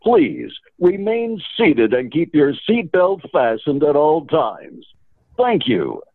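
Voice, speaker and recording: A man making a theme park style announcement in a husky voice. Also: fairly high pitch, very animated, slow, dry recording, exaggerated voice. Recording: tinny phone-like announcement audio.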